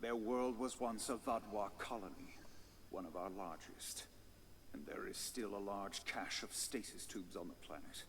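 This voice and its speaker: An actor playing a proud, vengeful alien warlord in a video game, speaking in a grave, villainous, declamatory way over a faint hum. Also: male voice, on the low side, measured pace, fairly bright tone. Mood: stern.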